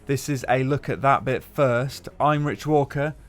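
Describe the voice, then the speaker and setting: A man, co-hosting a casual chat over gameplay footage, relaxed and chatty with casual swearing. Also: medium pitch, unhurried. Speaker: games journalist, co-host.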